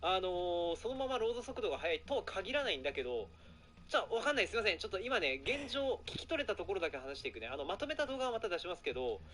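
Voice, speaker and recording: A man chatting casually on a live stream, excitable and rambling, often apologizing for being too loud. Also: high-pitched, fast talker, a little hiss or hum. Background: background music.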